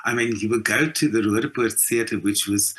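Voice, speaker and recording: A middle-aged South African theatre performer talks conversationally as an interview guest, emphatic and full of anecdotes. His voice is lowish and a bit bright, at a moderate pace.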